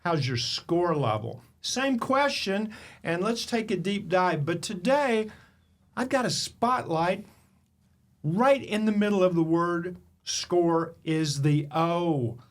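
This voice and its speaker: A man's voice: high-pitched, lively intonation, slow. Emphatic man hosting a motivational podcast. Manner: emphatic, rhetorical questions. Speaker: podcast host. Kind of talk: motivational storytelling.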